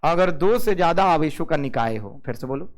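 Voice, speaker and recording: High-voiced physics teacher. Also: male voice, animated, moderate pace. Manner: keeps asking the class "yes or no?" and calling students "babu"; mixes English physics terms into Hindi. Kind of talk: classroom lecture.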